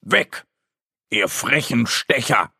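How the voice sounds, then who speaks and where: A man's voice: lowish voice, lively intonation, unhurried, gravelly, bright, forceful tone, breathy edge, dry recording, studio quality, heavily acted. A man voicing a small, whiny young bear cub in a children's story. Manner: whiny, complaining.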